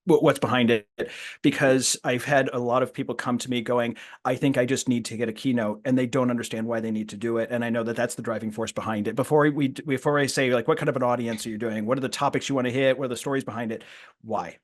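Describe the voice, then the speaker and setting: A man's voice: medium pitch, steady tone, quick pace. A man hosting a podcast interview, talking casually and reflectively, often repeating words as he thinks aloud. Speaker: podcast host.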